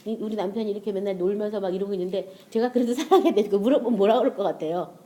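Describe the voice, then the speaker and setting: A woman's voice: mid-range voice, rapid-fire, mellow. A woman preacher giving a casual, conversational sermon and acting out prayers and inner voices.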